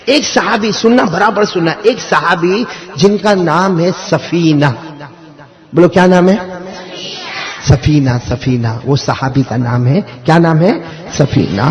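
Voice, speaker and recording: A man delivering a sermon as a preacher, telling a story dramatically and rising to loud, chanting shouts. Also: a little high.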